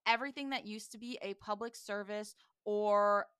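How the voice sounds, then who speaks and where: A woman's voice: mid-range voice, steady tone, normal speed, a bit bright, smooth, no room sound, studio quality. A young woman co-hosting a casual rewatch podcast, recapping scenes and joking crudely. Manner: recaps the plot with acted-out quotes, crude jokes. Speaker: podcast co-host.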